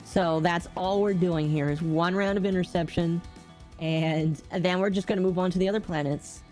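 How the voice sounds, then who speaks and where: A woman's voice: lowish voice, fairly even intonation, moderate pace, a little mellow, soft background music. A woman streaming a game, talking casually through a voice changer in a chatty, rambling way that often corrects itself. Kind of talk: casual live-stream chat.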